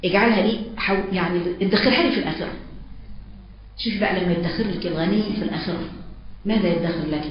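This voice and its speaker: A woman with an Egyptian accent giving a religious lesson, emphatic, speaking directly to women listeners and quoting verses. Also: medium pitch. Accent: Egyptian Arabic. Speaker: religious preacher. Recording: very echoey, dull lo-fi sound.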